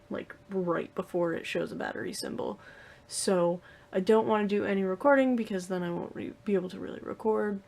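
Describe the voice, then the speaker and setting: Young woman vlogging with gravelly fry. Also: mid-range voice, a little mellow. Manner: rambling, many fillers and restarts. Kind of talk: casual vlog talk to camera. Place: at home in her room.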